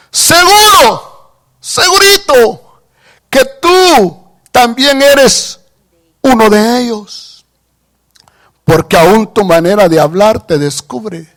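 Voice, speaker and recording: A pastor preaches passionately in a high, lively male voice, pushing his emphatic lines out loudly and dropping his asides to near silence.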